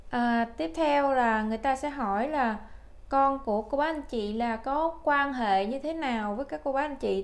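A Vietnamese-native woman teaching English to older learners, repeating phrases slowly and carefully. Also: a little high. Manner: slow, careful spelled-out English drills. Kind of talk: language lesson for older learners.

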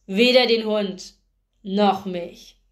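A woman's voice: mid-range voice, extremely slow. A woman reading as a surly, scornful cowboy. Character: surly hostile male cowboy, curt and scornful.

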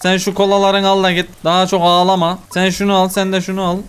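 A man's voice: sits high, monotone, fast talker, a bit bright, clear, resonant tone. A man giving let's-play commentary as host of his gaming channel, frantic and exasperated, scolding the game's customers as he plays.

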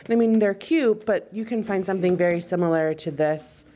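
A woman's voice: on the low side, a little fast, mellow. A woman in her thirties chatting casually in a home vlog, rambling and practical as she shows food and craft supplies. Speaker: family vlogger. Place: home kitchen and dining table.

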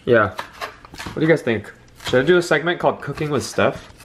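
A young man with a voice of ordinary pitch, talking playfully and chattily to his camera at home. He narrates everything going on around him in a loose, running commentary, with faint noise in the background of his camera recording. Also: animated, normal speed. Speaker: vlogger. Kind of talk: casual home vlog. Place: home kitchen.

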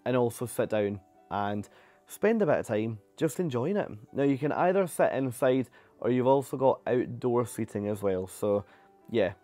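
Man, young adult, mellow warm voice, chatty enthusiastic tour narration, faint music behind. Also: medium pitch, animated, normal speed. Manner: chatty, enthusiastic, repeats words for emphasis. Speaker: cruise ship vlogger.

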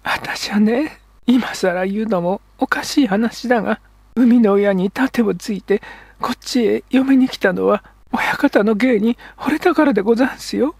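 A man voicing a proud and devoted Edo-era wife who speaks in sharp, formal old-Edo woman's speech. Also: high voice, normal speed, creaky, husky, no echo, pitched above the performer's own voice, full character voice. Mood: ironic, proud.

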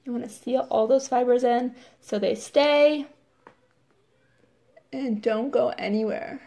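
A woman's voice: a little high, steady tone, takes it slowly, vocal fry, dark tone. A woman hosting a casual live makeup demo, chatty and filling her talk with "like" and "totally". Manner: chatty, says "totally" and "like" often.

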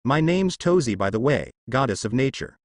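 A polite, exasperated goddess of nature from a storybook, as a male narrator puts her on. She scolds mildly and speaks courteously, with lively pitch. The sound is dry and close. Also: normal speed, no echo, close to an everyday voice.

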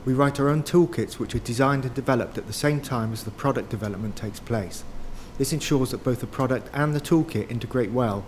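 A software developer introducing his work in a calm, clear way. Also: medium pitch, fairly quick, few pauses, a little hiss or hum. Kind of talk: scripted self-introduction.

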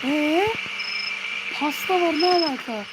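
Young Turkish woman streamer, high voice, jumpy and easily startled, loud noise behind. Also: slow pace. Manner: jumpy, yelps and shrieks in fright. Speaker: livestreamer. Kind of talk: live gaming stream.

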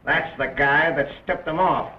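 A man's voice: fairly high pitch, steady tone, normal speed, sharp tone, far from the mic. A sly, watchful gangster who speaks in easy, wry tough-guy slang. He sounds set back from the microphone in a roomy space, with a dull old film tone. A faint hiss trails each line. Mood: wary.

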